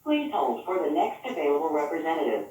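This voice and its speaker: A woman's voice: deep voice, big pitch swings, fairly quick, warm tone. A woman's voice on a recorded phone message, giving polite, scripted prompts as an automated phone menu. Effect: recorded phone message played over a phone speaker. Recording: very echoey phone speaker caught from far off.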